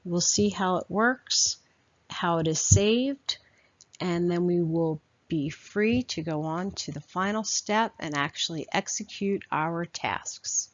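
Slow, steady woman software trainer. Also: fairly low pitch, dry recording, dull audio. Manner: steady, instructional, walks through steps. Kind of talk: screen-recorded software tutorial.

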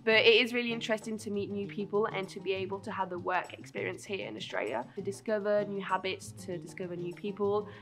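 A young woman from France, an international student, answering questions in a bright, upbeat way in a studio interview. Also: medium pitch, fairly even intonation, fast, gravelly, few pauses, over music.

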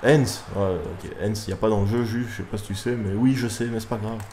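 A young man commentates his own football video game match live, excitable and quick to swear at his players. His voice sits low, with a faint hum of room noise underneath. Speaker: gaming YouTuber. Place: room at home at night.

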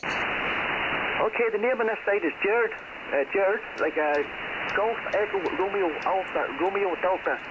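An unhurried British man with a high-pitched voice chats casually as a caller on amateur radio. The shortwave reception is muffled and full of noise.

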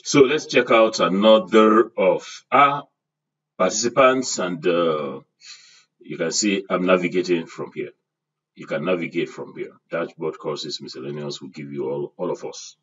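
A man's voice: deep voice, unhurried, a bit bright, breathy edge, recorded from a distance, highs cut off. An older man giving a screen-share lesson, talking straight to his class and asking them to repeat after him. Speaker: online course instructor.

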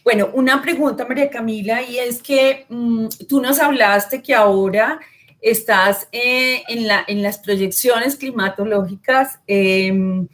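A woman's voice: a little high, takes it slowly, fairly bright tone. Colombian woman host asking rambling questions. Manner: rambling questions, frequent tag questions. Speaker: interviewer, host. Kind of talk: interview questions.

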